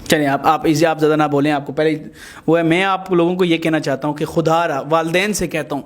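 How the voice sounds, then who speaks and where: High-voiced man lecturing a quarreling couple. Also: steady tone. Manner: emphatic, lecturing, addresses viewers. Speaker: host. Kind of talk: mediating a marital dispute on camera.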